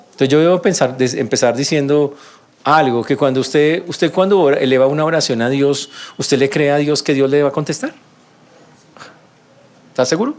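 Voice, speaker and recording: A man preaching a sermon as a pastor, animated, acting out quoted prayers in a raised voice and dropping soft and low for humble ones. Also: normal speed.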